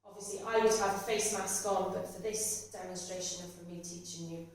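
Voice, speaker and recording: A woman's voice: fairly low pitch, fairly even intonation, a little fast. Woman instructing in a very echoey room. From Cardiff, Wales. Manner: instructional, repeats learners' answers back. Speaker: first aid instructor. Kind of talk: practical demonstration with questions to learners. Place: echoey indoor training room. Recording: very echoey room, distant mic, faint noise.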